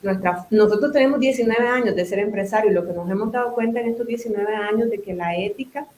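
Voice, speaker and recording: Quick-paced and medium in pitch, this slightly mellow female voice comes through a roomy space with a little hiss or hum. The talkative Nicaraguan business owner and psychotherapist is being interviewed, explaining things at length with restarts and asides.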